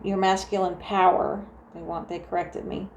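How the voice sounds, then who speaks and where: A woman with a New Jersey accent doing a casual tarot reading, talking softly and meandering through restarts. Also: fairly low pitch, flat delivery, normal speed, lo-fi sound. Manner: soft, meandering, full of restarts and "like". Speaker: tarot reader. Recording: echoey room with faint ambient noise.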